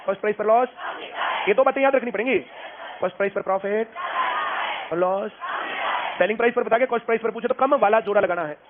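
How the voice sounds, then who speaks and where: A man with a high voice teaches a maths lecture at a quick pace, pausing often and drilling the class by asking again and again whether they've understood. The lo-fi, phone-like recording carries a crowd of classroom noise behind him.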